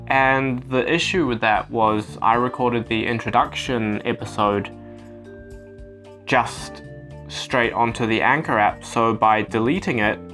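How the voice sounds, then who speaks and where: A young man with a New Zealand accent records a casual solo podcast on his phone's voice recorder. He speaks earnestly and reflectively at a middling pitch, with guitar music behind him. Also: a little slow, fairly bright tone. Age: young adult. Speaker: podcast host.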